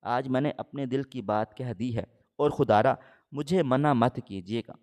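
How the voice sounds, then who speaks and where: A man's voice: medium pitch, darkish tone, close to an everyday voice. A man voicing a lovesick young man who pleads earnestly on the phone, in a storybook reading. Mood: pleading.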